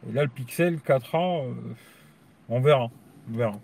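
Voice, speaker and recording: A man's voice: mid-range voice, moderate pace, a little mellow. A man hosting a tech channel, chatting casually and crudely on a live stream, rambling and tagging nearly every phrase with a filler. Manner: crude, rambling, says "tu vois" constantly. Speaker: YouTube tech channel host.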